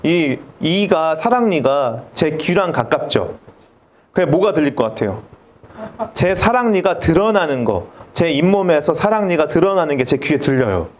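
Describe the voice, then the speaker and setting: High, lively male pastor telling a story. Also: moderate pace, slight background noise. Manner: animated, comic storytelling with acted-out dialogue. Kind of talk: storytelling sermon.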